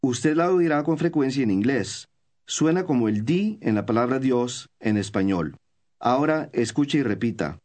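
A man giving scripted instructions in a language course, with calm, measured prompts for the listener to repeat. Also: medium pitch.

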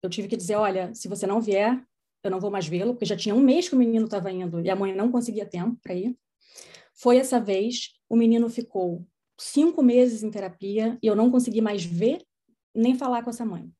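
A middle-aged woman psychologist telling stories from her practice in a podcast conversation, acting out what people said. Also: medium pitch. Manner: storytelling, animated quoting of others. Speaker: child psychologist.

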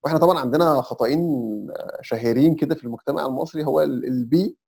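A young Egyptian man with an Egyptian Arabic accent talks fast as a podcast guest, his fairly high voice gravelly, mellow and slightly rough. In a casual chat, he walks through advice step by step, sprinkling in English terms.

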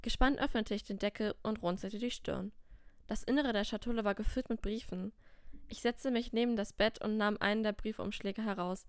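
A woman narrating a first-person story in steady, scripted reading. Her voice is smooth and clear, at a middle pitch. The sound is dry and close to the mic. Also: moderate pace, no echo. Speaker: podcast host and author reading her story.

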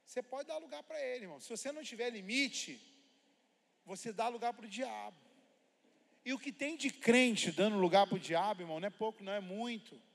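A man's voice: sits high, lively intonation, fairly quick, creaky. A man preaching as pastor at a church service, reading scripture emphatically and telling chatty stories to the congregation. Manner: chatty storytelling with asides to the congregation. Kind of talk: sermon. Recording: reverberant church hall.

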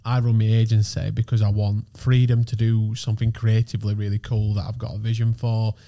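A man's voice: on the low side, little pitch movement, fairly quick, warm tone. A man in his thirties, an agency founder, talking as a podcast guest in a chatty, rambling way. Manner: chatty, rambling, lots of "like" and restarts. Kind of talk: casual podcast chat.

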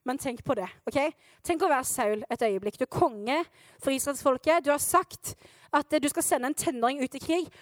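A woman preaching at a youth meeting, with a high, bright voice and a dry, close sound. She retells the Bible story with playful energy, acts out the characters, and keeps asking her listeners questions. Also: dry recording.

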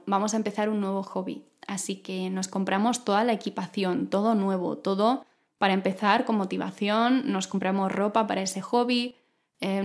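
A woman with a guttural, throaty R talks as a podcast host, giving an informal, explanatory self-improvement monologue addressed straight to the listener. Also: mid-range voice.

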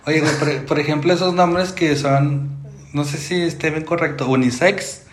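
A man's voice: a little high, fairly even intonation, normal speed, roomy sound, slight background noise. A man with a Mexican Spanish accent co-hosting a podcast, bantering in casual chat, tossing out names and asking follow-up questions. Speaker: podcast co-host.

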